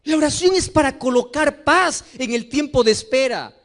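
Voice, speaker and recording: A man preaching a sermon as pastor, animated, acting out the voices in his stories. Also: very high voice, normal speed. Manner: animated preaching, acts out dialogues in story.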